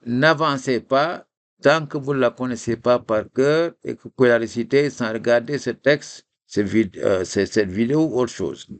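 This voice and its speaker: A man teaching a recorded reading lesson, slowly repeating a memory phrase syllable by syllable for his students. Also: mid-range voice. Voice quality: gravelly.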